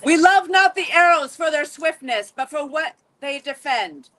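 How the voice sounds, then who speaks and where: At a medieval reenactment court, a woman serving as herald loudly declaims ceremonial proclamations in formal, old-fashioned renaissance fair speech. Her voice is high and her delivery a little slow.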